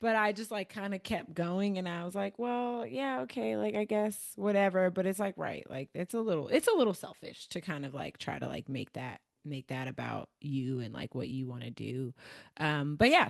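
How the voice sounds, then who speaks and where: Lowish and at normal speed, this podcast co-host's voice carries vocal fry. She has an American Midwest accent and talks casually about a book, laughing a lot and filling her speech with fillers.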